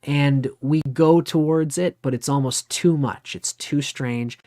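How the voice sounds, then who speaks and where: A man's voice: a little high, unhurried, dark tone. A man in his forties giving a casual, rambling talk on astrology, conversational and sometimes swearing. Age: 40s. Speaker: astrology teacher. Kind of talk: casual lecture.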